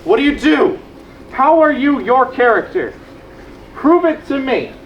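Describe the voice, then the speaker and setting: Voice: high voice, big pitch swings, measured pace, muffled recording. Playful convention panel host in an echoey room. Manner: playful, teasing, calls out to people on stage. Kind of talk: convention panel talk to a live audience. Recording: echoey room, faint noise.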